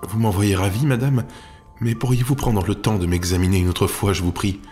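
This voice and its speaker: A man's voice: lowish voice, fairly even intonation, brisk, darkish tone, faint music behind, voice pushed up, natural voice. A man voicing a weary young female shape-shifter who speaks in a formal, courteous way. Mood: polite weary.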